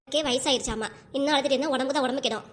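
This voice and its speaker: A woman's voice: high voice, very fast, close to an everyday voice. A woman voicing a caring, protective younger friend who consoles and scolds in a cartoon. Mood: consoling. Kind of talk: cartoon voice acting.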